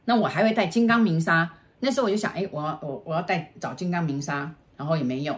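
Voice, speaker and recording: A middle-aged woman from Taiwan with a Taiwanese Mandarin accent, casually telling a ghost story in halting bursts with many restarts and repeated words. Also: sits low. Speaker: storyteller, the host's mother.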